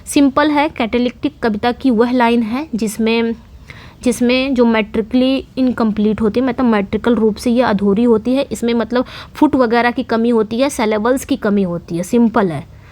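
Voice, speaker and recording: A woman's voice: fairly high pitch, normal speed, a little mellow. A woman teaching English literature terms in an online lecture, repeating key points and answering her own questions. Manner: explanatory, repetitive, asks and answers own questions.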